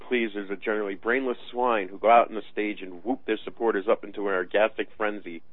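A man giving halting, sardonic political commentary in a conversational style over the phone. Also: lowish voice, no echo. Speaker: political talk radio commentator. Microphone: phone line. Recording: tinny phone-line sound.

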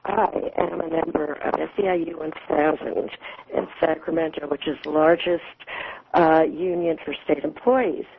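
A woman from California calling in over a phone line that keeps breaking up, first on speakerphone, talking in a halting, rambling way. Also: low voice, fairly even intonation, gravelly, husky. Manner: halting, rambling, restarts often. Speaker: caller. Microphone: phone, speakerphone then handset. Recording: tinny, dropping phone line.

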